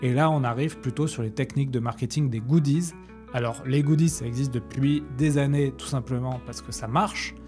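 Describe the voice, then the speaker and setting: A man gives an informal talk, explaining in a chatty way and often stopping on hesitations. His voice sits at an ordinary middle pitch. Soft music plays faintly behind him. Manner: conversational, with frequent hesitations. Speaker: sales podcast host.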